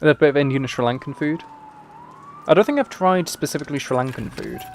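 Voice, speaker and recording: His voice is a little high, gravelly and darkish, and he talks fairly fast over a faint hiss or hum. He's casually streaming a game and chatting, slipping in wry, deadpan comments.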